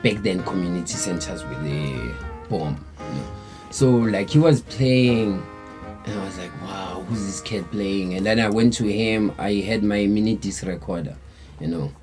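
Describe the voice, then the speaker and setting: Over music, a low-pitched South African man speaks at a measured pace. A band member, he tells a long story in a laid-back, rambling way packed with slang fillers, in a casual storytelling interview.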